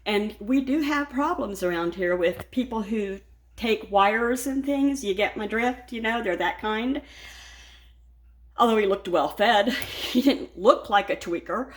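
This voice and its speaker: A woman's voice: medium pitch, unhurried. Chatty woman baking at home. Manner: chatty, rambling, laughs often. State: shaken and frazzled. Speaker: home cooking vlogger. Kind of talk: casual chat while baking. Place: home kitchen.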